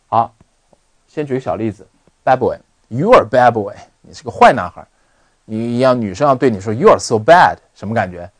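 Lively male English teacher. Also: mid-range voice, moderate pace, dry recording. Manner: animated, repeats words for drill. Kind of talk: online lesson.

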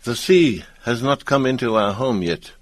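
A man voicing a gruff old island grandfather in a storybook reading. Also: medium pitch, lively intonation, normal speed, dry recording, pitched above the performer's own voice, close to an everyday voice. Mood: calm.

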